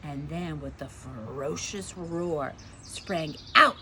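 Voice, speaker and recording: A woman's voice: deep voice, takes it slowly, sharp tone, slight background noise. A woman reading a children's story aloud, playful, stretching dramatic words and asking the listener questions.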